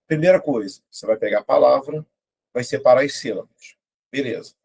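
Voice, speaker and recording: A man teaching a casual online Portuguese lesson, chatty and colloquial, working through examples step by step out loud. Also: medium pitch, fairly quick, vocal fry.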